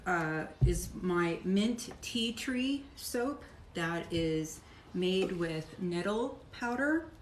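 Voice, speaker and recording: A woman's voice: lowish voice, lively intonation, extremely slow. A middle-aged woman chatting casually on a live stream while she cuts soap, rambling and talking between bites. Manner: chatty, rambling, talks while chewing and working. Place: home soap workshop. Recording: echoey room with clear background noise.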